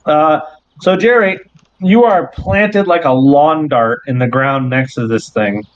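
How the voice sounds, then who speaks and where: A man's voice: fairly high pitch, slow, clean tone. A man narrating a tabletop game as game master, laid-back and joking, swearing often. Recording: dull, dry recording.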